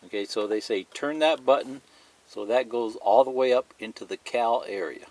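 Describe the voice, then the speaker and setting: A mellow, medium-pitched male voice at a moderate pace, recorded with no room sound. He's a hobbyist instructor walking through a hands-on tutorial step by step, plainly pointing things out, repeating himself, and partly reading from a manual aloud.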